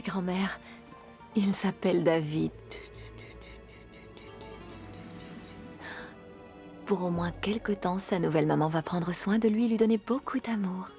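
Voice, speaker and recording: A woman's voice: mid-range voice, a little mellow, lightly acted. An actress in a French telenovela dub playing a young woman who talks tenderly and coaxingly to her baby. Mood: annoyed, gentle. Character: young woman, gentle and affectionate. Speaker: young mother caring for a baby.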